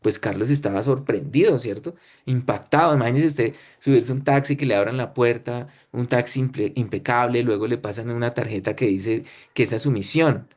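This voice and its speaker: A man's voice: medium pitch, fairly quick, few pauses, darkish tone. A man with a Colombian accent who presents a webinar and tells a story in the style of a lecture. He talks in short phrases and often checks in with his listeners. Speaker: webinar speaker.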